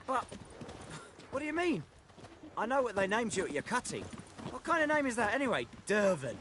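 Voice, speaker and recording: Squeaky lively mocking villager, hoofbeats and noise behind. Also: male voice. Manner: taunting and rapid. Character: boisterous, mocking male villager. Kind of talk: video game dialogue.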